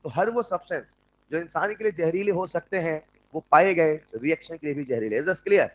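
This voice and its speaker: A man teaching chemistry in an online class, with an Indian accent when he switches to English, who dictates notes slowly and jokes with his students. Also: a little high, highs cut off. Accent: Indian English mixed into Hindi.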